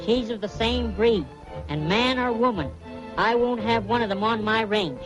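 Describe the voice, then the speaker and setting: Stern rancher father, male actor, high voice, 1930s western film delivery, music underneath. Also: normal speed, lo-fi sound, lightly acted. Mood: stern anger.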